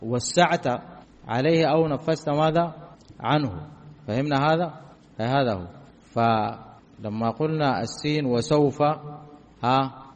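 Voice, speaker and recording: A man's voice: mid-range voice, a little slow, pauses often, big-room sound. A man teaching a grammar lesson, who puts questions to his class and answers them himself while repeating the key points.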